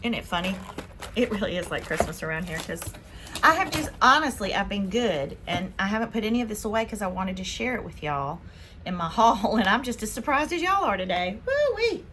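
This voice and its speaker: A woman from Spain hosting a casual haul vlog, chatting excitedly as she unboxes her purchases. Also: medium pitch, fairly quick, slight background noise. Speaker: vlog host.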